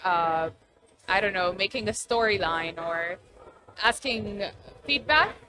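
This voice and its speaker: A woman's voice: medium pitch, expressive, takes it slowly, rough recording. A young adult woman, a gamer guest, talking casually and chattily with lots of fillers in an interview. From born in Abu Dhabi, Pakistani family, raised partly in Texas.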